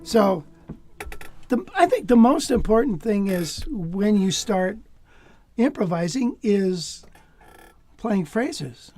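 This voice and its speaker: A man teaching jazz guitar in a relaxed, casual way, sometimes dropping to a near whisper. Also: high voice, slow pace, long pauses. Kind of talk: relaxed lesson talk.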